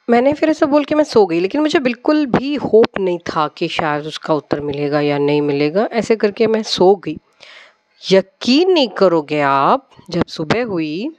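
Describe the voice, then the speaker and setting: A woman's voice: on the low side, a little mellow, dry recording. A woman on a devotional channel casually retelling a dream, rambling, with many fillers and English words mixed in.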